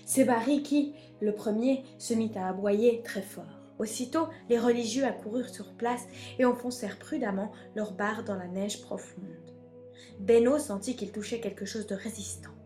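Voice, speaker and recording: Woman storyteller, fairly high voice, expressive measured read, faint music under. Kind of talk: storybook reading.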